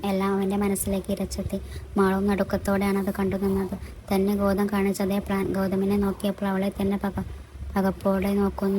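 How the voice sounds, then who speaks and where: A woman narrating a romantic story in a soft, steady reading voice. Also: mid-range voice, slight background noise.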